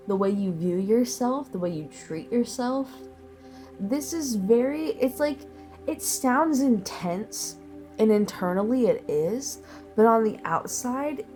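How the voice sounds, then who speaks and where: Nasal and sniffly from illness, a tarot reader delivers a collective reading in a medium-pitched, slightly mellow voice. She meanders thoughtfully and leans on plenty of filler words.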